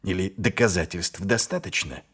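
A man voicing a gruff, sly middle-aged male watch commander who speaks with dry, mock-innocent menace. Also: low-pitched, moderate pace, fairly bright tone, heavily acted.

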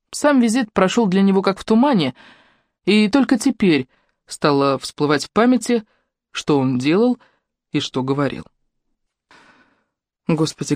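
A narrator reading a novel aloud in a steady, measured way into a close microphone. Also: medium pitch, no room sound. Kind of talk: audiobook narration.

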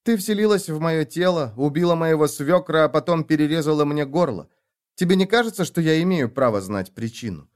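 Man voicing a one-eyed woman warrior, raised pitch, sharp demanding questions. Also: expressive, brisk, close to an everyday voice.

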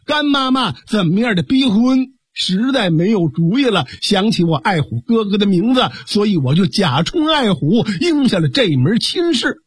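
A man's voice: sits high, sing-song, normal speed, few pauses, husky, dry recording, clean studio sound, exaggerated voice. A male storyteller voicing an earnest young woman in a traditional tale. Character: young woman disguised as a man, pleading.

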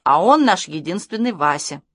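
A woman voicing a calm, affectionate young mother in a storybook, in a gentle, matter-of-fact way. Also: lowish voice, moderate pace, slightly rough, no room sound, studio quality.

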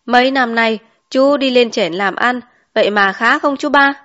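A woman's voice: fairly high pitch, moderate pace, a bit bright, lightly acted. A woman reading a chatty rural mother. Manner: chatty, exclaiming, indignant. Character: talkative rural mother of five, complaining. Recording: dull lo-fi recording.

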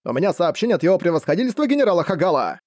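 A man voicing a young male messenger soldier who delivers an urgent report in a hurried rush, in an audiobook. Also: high voice, sing-song, a little mellow, no echo, clean studio sound, voice pushed up.

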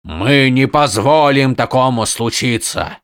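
A man's voice: fairly high pitch, animated, extremely slow, bright, forceful tone, smooth, no room sound, clean studio sound, heavily acted. A man voicing a stern aging warlord who addresses his troops in a commanding, declamatory way. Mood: rousing.

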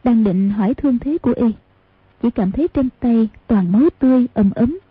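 A woman reading a martial-arts novel as scripted storybook narration, measured and even. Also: a little high, breathy edge, dry recording. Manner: even, measured reading, voicing each character. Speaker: audiobook narrator. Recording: tinny phone-like audio, dry.

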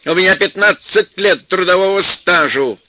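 A man voicing a hot-tempered, defiant young village man who shouts back at his mother-in-law. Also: sits high, normal speed, dry recording, voice pushed up.

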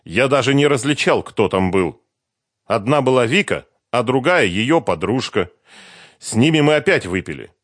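A man voicing an agitated young man who gives a halting, defensive confession. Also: mid-range voice, animated, no echo, clean studio sound, close to an everyday voice. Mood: confessing.

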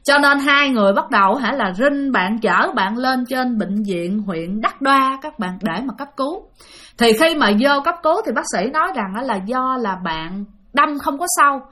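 A woman's voice: high voice, expressive, moderate pace, sharp tone. Chatty woman storyteller. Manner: chatty, addresses listeners directly. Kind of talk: spoken ghost storytelling.

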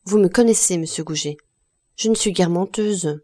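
A woman's voice: lowish voice, moderate pace, warm tone, no room sound, lightly acted. A woman reading the part of a distressed young laundress, speaking earnestly and pleadingly in an audiobook.

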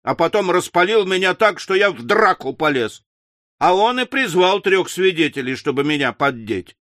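A man doing a brawling, loud-mouthed cabman. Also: high voice, big pitch swings, moderate pace, no echo, clean studio sound, pitched above the performer's own voice. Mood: indignant. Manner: loud, belligerent, challenging. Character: brash quarrelsome male London cabman, bellicose.

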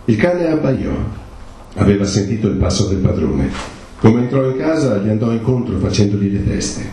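A man reading a short story aloud at a book presentation, steady and unhurried. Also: fairly low pitch. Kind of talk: literary reading. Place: event hall. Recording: echoey hall, faint background noise.

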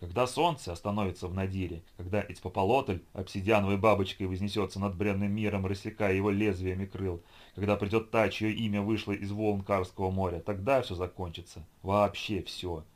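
A man voicing a manic, insane young man who rants gibberish and prophecies in a high, loud voice. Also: fairly even intonation, fairly quick, natural voice. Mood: ecstatic chanting. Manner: grandiose, then whining and hysterical.

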